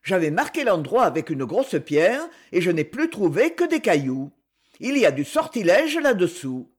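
A man's voice: sits high, big pitch swings, moderate pace, slightly rough, full character voice. A man voicing a nonchalant, teasing young husband in a storybook reading, phlegmatic and mocking.

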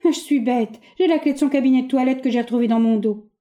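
A woman's voice: high voice, fast talker, mellow, pitched above the performer's own voice, close to an everyday voice. A woman reading a stage play aloud, voicing a passionate, stubborn young woman who speaks with resolute, theatrical indignation.

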